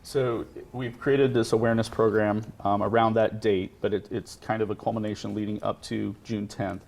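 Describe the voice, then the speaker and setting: A man guest on a studio TV segment, explaining an event in a halting way and repeating words. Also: fairly low pitch, level tone, vocal fry, a little mellow. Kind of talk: studio interview.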